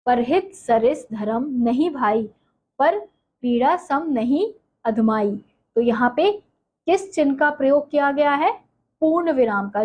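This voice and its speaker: A woman teaching a Hindi grammar class, explaining slowly, repeating points and asking the pupils questions that she then answers herself. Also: high-pitched, a little mellow, rough recording. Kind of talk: online class lesson.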